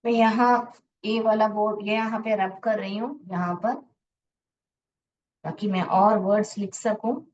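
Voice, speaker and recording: Woman, phonics teacher, very slow, syllable-by-syllable, patient questions, a bit far from mic. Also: mid-range voice, steady tone, a little mellow, muffled recording, slight background noise. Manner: sounds out words slowly syllable by syllable; patient, asks the class questions. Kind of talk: online phonics lesson. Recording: voice a little distant from the mic.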